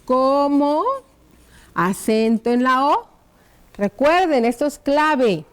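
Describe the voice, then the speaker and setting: Woman teacher on a tv lesson, smooth clear voice, slow dictation, keeps asking the kids if they follow. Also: high-pitched, animated. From Mexico. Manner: slow, careful dictation while writing on a board; checks in with pupils with frequent tag questions. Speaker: primary school teacher. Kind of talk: televised classroom lesson.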